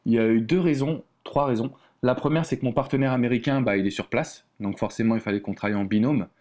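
French guy chatting as a guest, easygoing, lots of ums and restarts, normal pitch. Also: fast talker. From France. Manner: relaxed, chatty, many fillers and restarts. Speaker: relationship coach, guest. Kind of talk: casual interview chat.

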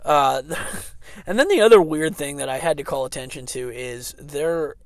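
A man's voice: on the high side, animated, normal speed, dry recording. A man co-hosting a casual podcast, laughing through his sentences and trailing off with fillers as he reads news stories aloud. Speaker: podcast co-host.

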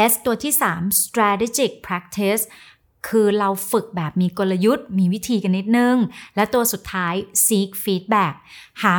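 A woman speaking coach giving a casual, lively lesson and acting out little example scenes. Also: medium pitch. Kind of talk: casual teaching talk.

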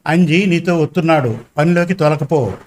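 Man reads an anxious village mother in a storybook, scolding and pleading, voice a touch high. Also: moderate pace, a little mellow, close to an everyday voice. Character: poor village woman, a grieving, anxious mother.

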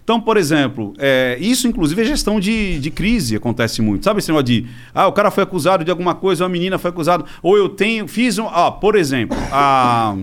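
A man's voice: high voice, big pitch swings, fast talker, hardly any pauses. A man explaining things informally as an interview guest, using examples and checking that listeners follow. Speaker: interview guest, body language specialist.

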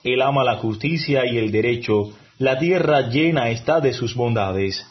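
A man's voice: medium pitch, measured pace, dull audio. A man reciting a responsorial psalm at Mass in a formal, reverent manner.

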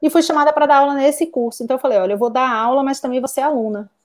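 A woman's voice: high voice, very fast, darkish tone. A middle-aged woman with a Bahian accent, a pilates instructor and physiotherapist, chatting as a guest and telling stories with many asides. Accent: Bahian Portuguese. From Bahia, Brazil. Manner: talkative, storytelling with asides. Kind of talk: casual conversation.

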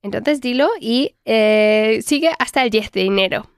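A woman gives a one-on-one German lesson. She speaks slowly and patiently, praising and correcting pronunciation. The sound is dry and close. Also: a little high, clear, resonant tone, no echo. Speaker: German language teacher.

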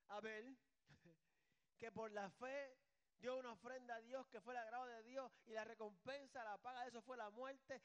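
A male pastor with a strikingly high voice delivers a sermon. He talks to the congregation conversationally and drops in jokes. His delivery swings between quiet asides and loud, emphatic bursts. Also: clean tone.

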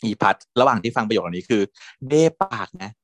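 A man co-hosting a casual chat, an animated storyteller who retells a drama, acts out the characters' lines and laughs often. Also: fairly low pitch, quick pace, dry recording, clean studio sound. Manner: uses playful feminine particles. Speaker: podcast co-host.

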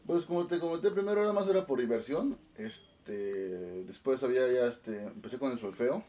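A man in his twenties from Oaxaca with a Mexican Spanish accent, chatting relaxed and laughing in an interview about his music. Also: mid-range voice, normal speed, distant mic. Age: 20s. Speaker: guest musician, band director. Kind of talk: casual interview chat.

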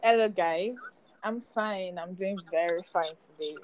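With a lowish, unhurried voice, the young Nigerian co-host keeps her podcast chat casual and rambling, leaning on lots of fillers. Her tone stays sweet and soothing over slight background noise.

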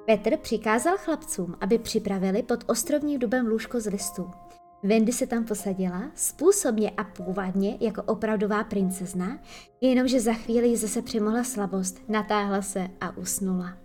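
A woman reading a children's story aloud with lively, gentle storytelling. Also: medium pitch, soft background music. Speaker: narrator.

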